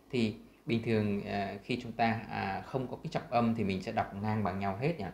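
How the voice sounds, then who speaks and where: Man, vietnamese accent, pronunciation teacher, fairly low voice, echoey room, faint hiss. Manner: models English words slowly and loudly between explanations. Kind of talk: screen-share lesson.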